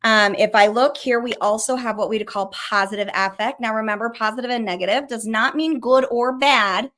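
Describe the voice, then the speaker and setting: Middle-aged female counselor host, quick chatty explainer with a casual tongue. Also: fairly high pitch, fairly bright tone. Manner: fast and chatty, swears casually. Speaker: licensed counselor hosting a mental health show. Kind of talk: casual teaching while sharing a screen.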